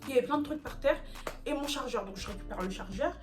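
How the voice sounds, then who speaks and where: A young woman from France tells a story to camera with lively, slangy drama, her voice sitting a little high for a woman. Music plays clearly underneath her talk. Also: fast talker. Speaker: YouTuber telling a story. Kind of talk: animated storytime vlog.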